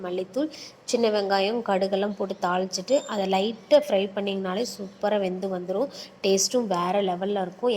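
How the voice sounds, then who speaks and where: A woman's voice: medium pitch, darkish tone, slight background noise, rough recording. A woman in her thirties narrating a casual home vlog, chatting about family and giving step-by-step cooking tips.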